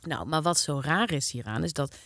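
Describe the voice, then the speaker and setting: A woman's voice: low voice, lively intonation, moderate pace, a bit bright, no echo, studio quality. A woman co-hosting a casual podcast chat, explaining things at length with frequent hesitant fillers. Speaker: podcast co-host.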